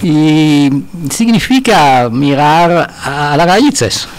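A man's voice: a little high, expressive, extremely slow, smooth. A middle-aged man from Italy speaking Spanish with a northern Italian accent, a guest in a studio interview, searching for words with many restarts. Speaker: guest expert. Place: indoor radio studio with bookshelves. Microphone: studio mic on stand.

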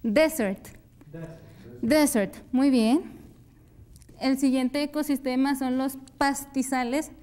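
High mellow-voiced woman teaching English. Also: level tone, slow pace, smooth. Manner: drills English pronunciation, repeats words, short affirmations. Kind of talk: televised classroom lesson.

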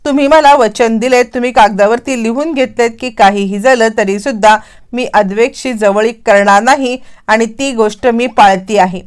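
A woman reading the lines of Kala, a defiant, quick-witted young woman in a TV serial recap. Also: a little high, smooth, lightly acted. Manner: pleading then sharply defiant.

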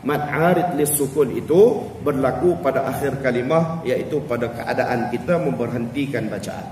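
Malaysian religious teacher in echoey hall. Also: male voice, medium pitch, darkish tone, a little hiss or hum. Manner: explains rules, then chants verses slowly to demonstrate. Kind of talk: evening mosque class on Quran recitation. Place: cold air-conditioned prayer hall. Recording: distant, echoey hall with long reverb.

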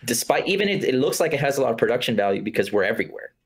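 On a video call from a room with a curtained window, a Floridian filmmaker in his thirties chats casually as a guest. His medium-pitched, husky voice is very animated and rapid-fire, yet his manner is laid-back and full of fillers.

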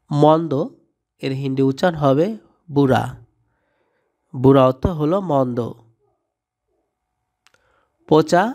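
Slow man calling out word pairs. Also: medium pitch. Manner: word by word, repeating each word pair. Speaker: language tutor. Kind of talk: vocabulary lesson.

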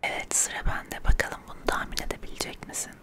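Young female ASMR creator, hushed and quiet night-time whispering, playfully teasing. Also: a little fast. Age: young adult. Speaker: ASMR creator and game contestant. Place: small neon-lit room, indoors. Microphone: close desk microphone with foam cover.

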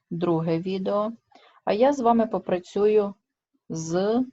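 A woman teacher talks through a remote lesson at a slow, unhurried pace, stretching out each example word so it lands. Her voice sits at a middle pitch and comes through a dull, lo-fi recording. She keeps stopping to check that her students are following. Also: mellow. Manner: slow, careful, stresses and drawls example words; checks with students by asking short questions.

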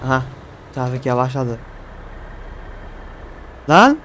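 A man giving excitable, swearing commentary while playing a truck driving game, his mouth numb from a dental injection. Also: medium pitch, slow pace, slight background noise. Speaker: gaming streamer. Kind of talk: casual gameplay commentary.

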